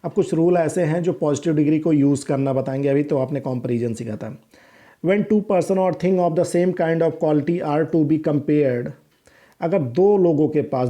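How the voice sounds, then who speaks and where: A man teaching an English grammar lesson, explaining in Hindi and slowly reading out English rules, often checking in with "theek hai" and correcting himself. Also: a little high, mellow. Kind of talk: recorded classroom lesson.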